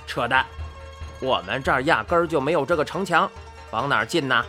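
A woman voicing a rude, bullying male cart driver who talks gruffly and scornfully. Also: extremely low pitch, brisk, bright, forceful tone, soft background music, pitched below the performer's own voice. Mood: rough, scornful.

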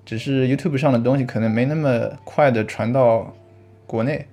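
A man's voice: medium pitch, normal speed, warm tone, faint music behind. Man explaining at length in casual chat. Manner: explanatory, thinks aloud with restarts and easy laughs. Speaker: podcast guest, vlog creator.

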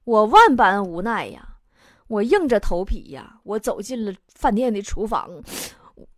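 A woman's voice: medium pitch, big pitch swings, moderate pace, dry recording, clean studio sound. A young woman hosting a comic storytelling monologue in a wry, self-mocking, chatty way. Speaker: host.

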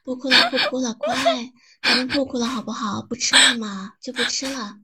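A woman's voice: fairly high pitch, fairly even intonation, fairly quick, bright, forceful tone, husky, exaggerated voice. A woman acting a doting partner who coaxes and soothes in a comedy skit. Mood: soothing. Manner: coaxing, pleading, soothing.

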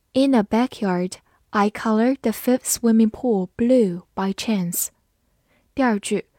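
A young woman teaching vocabulary in a recorded lesson, saying each English word twice clearly, then giving brisk explanations. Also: on the high side, dark tone, no room sound, studio quality.

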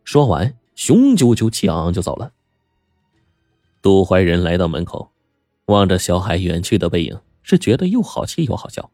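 Man, storyteller, low husky voice, lively swings, animated narration. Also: normal speed, dry recording, clean studio sound. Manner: animated, expressive telling. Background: faint music.

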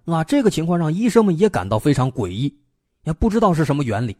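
A man's voice: a little high, sing-song, quick pace, a little mellow, dry recording, studio quality. A man hosting a mystery story show, telling it in a chatty, suspense-building way with lots of filler particles. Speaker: storyteller host. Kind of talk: casual spoken storytelling of an unsolved mystery.

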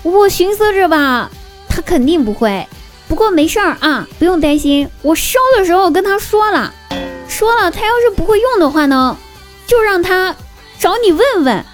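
A nonchalant mother as a young female storyteller puts her on chats matter-of-factly in a comic anecdote. The voice is high and girlish, with casual, drawn-out phrasing over light music. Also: animated. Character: breezy, matter-of-fact middle-aged mother.

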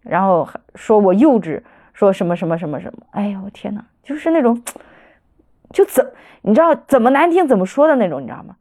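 A woman's voice: mid-range voice, very animated, fast, warm tone. A woman in her thirties hosting a casual solo podcast, rambling and venting as she retells things. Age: 30s. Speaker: podcast host.

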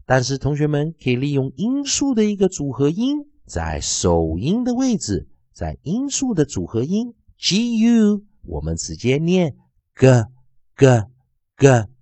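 A male phonics teacher whose pitch swoops widely from high to low as he explains. He talks at an unhurried, deliberate pace and drills each letter sound over and over. The sound is dry and close. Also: huge pitch swings, dark tone, no room sound. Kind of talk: online phonics lesson.

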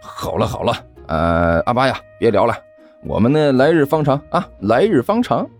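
A man's voice: medium pitch, animated, moderate pace, soft background music. A man voicing a sly male landlord who chats in a falsely cheerful way in an audiobook. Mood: fake-friendly. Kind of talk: audiobook character voice.

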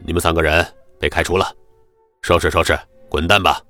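Man doing a low, curt security chief. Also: a little slow, a bit bright, faint music behind. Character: calculating middle-aged male security chief.

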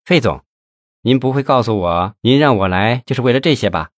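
A man voicing a confident, blunt businesswoman who teases her host with sharp, mocking frankness. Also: mid-range voice, lively intonation, fairly quick, no room sound, clean studio sound, natural voice. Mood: firm. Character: confident businesswoman, company chairwoman, teasing and blunt.

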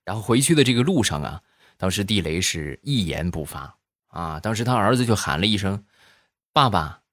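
A man telling comic stories in an animated, chatty way. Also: deep voice, fairly quick, no room sound, clean studio sound. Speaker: comedian telling jokes. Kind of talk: comic storytelling.

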